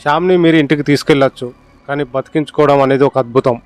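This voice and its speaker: A man voicing a calm, grave hospital doctor in a storybook reading. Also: mid-range voice, fast talker, no echo, natural voice.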